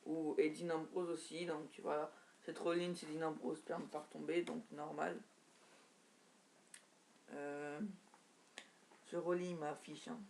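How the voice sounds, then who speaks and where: A man's voice: fairly high pitch, flat delivery, vocal fry, a little mellow, a little hiss or hum. Hesitant man giving wrestling predictions. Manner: hesitant, halting, many fillers and restarts. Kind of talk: casual spoken predictions from notes.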